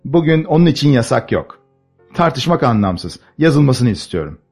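A man's voice: mid-range voice, big pitch swings, normal speed, a little mellow, slightly rough, faint music behind, pitched above the performer's own voice. A man voicing a playful, commanding young princess in an audiobook, coaxing and imperious.

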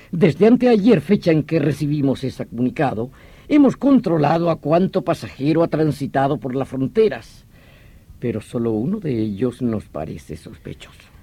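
A male actor with a mid-range voice plays an excitable, irritable French police commissioner in an old radio drama, delivering his lines emphatically and condescendingly.

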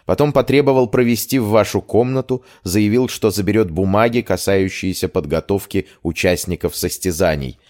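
A man's voice: lowish voice, a little mellow, voice pushed up, lightly acted. A man voicing a loyal young maid in an audiobook, chatty and indignant, addressing her mistress deferentially.

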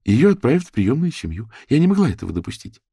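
A man's voice: mid-range voice, very animated, fast talker, creaky, mellow, slightly rough, no room sound, clean studio sound, voice pushed up, exaggerated voice. A man voicing a bitter, paranoid young single mother who speaks in a venomous, accusing way.

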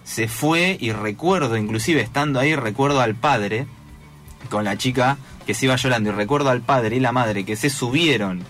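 A man's voice: medium pitch, normal speed, fairly bright tone, soft background music. A man with a Rioplatense Spanish accent, a radio guest, telling a story in a hesitant way, with many fillers and restarts. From Argentina. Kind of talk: radio talk, recounting school events.

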